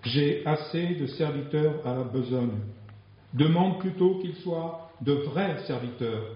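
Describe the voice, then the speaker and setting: A man's voice: on the high side, slow. A man voicing God as a stern, fatherly presence in a religious story read aloud, severe and solemn. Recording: very echoey, dull lo-fi sound.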